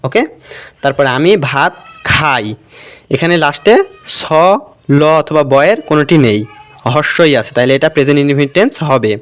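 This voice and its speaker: In a casual classroom style, a talkative man teaches English grammar, posing questions and answering them himself. He speaks fast, with a fairly high pitch and lively intonation, over noisy surroundings.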